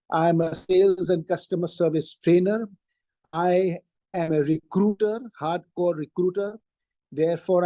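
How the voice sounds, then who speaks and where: High-voiced older man, emphatic. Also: warm tone, no room sound. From Pakistan. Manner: emphatic, repeats key phrases. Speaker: interview guest, trainer and career coach. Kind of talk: interview answers.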